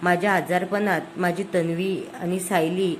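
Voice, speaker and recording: A woman's voice: lowish voice, steady tone, a little slow, a little hiss or hum, lightly acted. A woman voicing a tearful, protective sister-in-law in a serial recap, in a plain retelling voice. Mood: pleading.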